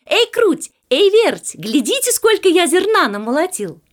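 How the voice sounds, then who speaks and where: A woman voicing a hardworking, patient little male rooster in a storybook reading, calling out brightly. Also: sits high, animated, unhurried. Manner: calling out brightly, stern when questioning.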